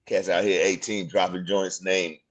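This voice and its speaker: A man in his fifties hosting a casual interview, excitable and rambling, full of slang. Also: sits low, normal speed. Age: 50s. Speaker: podcast host.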